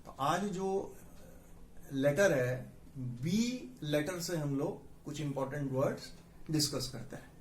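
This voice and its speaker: A young man teaching English vocabulary for exams, explaining slowly and spelling words out letter by letter. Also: a little high, expressive, a little hiss or hum. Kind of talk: explanatory exam-prep lesson. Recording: echoey room.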